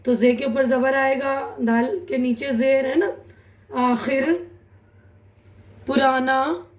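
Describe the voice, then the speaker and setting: A young woman with a high, light voice gives an online language lesson. She reads each example word slowly and carefully, and keeps pausing to check that her students are following. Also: level tone, reverberant, crowd noise. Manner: reads example words slowly and deliberately, with frequent checking tags. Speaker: Urdu teacher.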